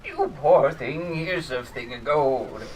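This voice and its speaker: A man's voice: mid-range voice, slow pace, natural voice. A man voicing a pitying old wench with a drawl, in a tabletop game. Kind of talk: tabletop role-play. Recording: distant mic, faint noise.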